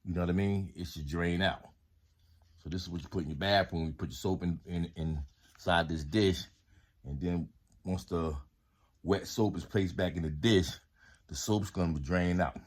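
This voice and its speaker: A man with a very low voice gives a relaxed product haul review. He chats straight to his viewers in easygoing slang. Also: normal speed. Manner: laid-back, slangy, talks straight to viewers. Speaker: vlogger reviewing home products.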